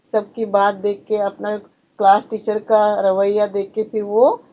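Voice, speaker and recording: A woman's voice: medium pitch, little pitch movement, a little slow, dark tone. A woman teacher reading a play aloud to students and explaining it, raising her voice for the dialogue. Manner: reads dialogue with raised dramatic voice, then explains plainly. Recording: dull lo-fi sound.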